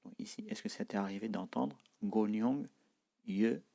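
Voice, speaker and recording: A man teaching a language lesson, explaining slowly with many hesitations and repeating example phrases. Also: lowish voice, vocal fry, mellow.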